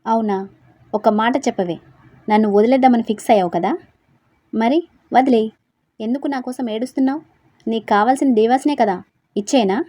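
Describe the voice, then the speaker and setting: A woman voicing a teasing, stubborn young husband who talks loudly and presses his point. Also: a little high, fairly quick, no echo, close to an everyday voice.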